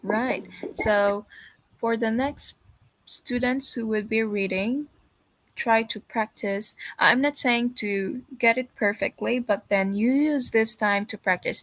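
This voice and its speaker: A woman's voice: mid-range voice, a bit bright, dry recording. A woman English teacher giving patient, encouraging feedback to students in an online class over a video call.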